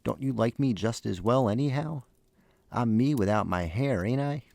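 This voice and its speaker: A man's voice: medium pitch, normal speed, creaky, a little mellow, dry recording, clean studio sound, close to an everyday voice. A man voicing an anxious, tender young wife, earnest and pleading, in a fireside storytelling reading.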